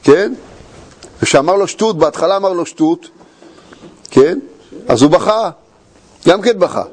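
A Torah teacher with a high-pitched, husky voice retells a tale in an expository lecture. He is animated, full of rhetorical questions and repeated phrases.

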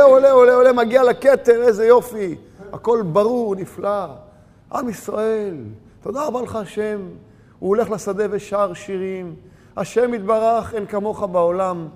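A male preacher delivers a religious sermon, pressing rhetorical questions and repeating words for emphasis. His voice is high for a man. The recording carries a long hall reverb. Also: a little mellow.

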